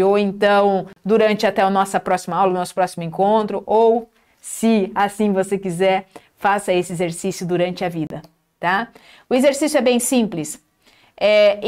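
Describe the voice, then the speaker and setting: A woman from Brazil giving a motivational lesson to teachers, acting out example phrases with big swings in her voice. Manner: warm coaching, acts out example phrases with lively swings in pitch. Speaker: teacher coach.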